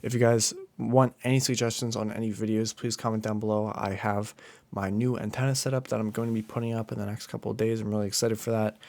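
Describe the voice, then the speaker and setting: A man's voice: fairly low pitch, flat delivery, fast talker, a little mellow, dry recording. A tired young man casually talking his viewers through crypto price charts, rambling with fillers and restarts. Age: young adult. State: tired from lack of sleep. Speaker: crypto YouTuber. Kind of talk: casual screen-share commentary.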